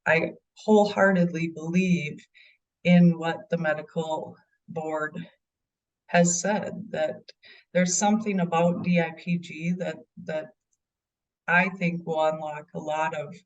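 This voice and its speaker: Middle aged mom, slow earnest answers, lots of ums, kinda distant from the mic. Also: female voice, low-pitched, fairly even intonation, dull audio. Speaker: bereaved mother and guest. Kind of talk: interview answers.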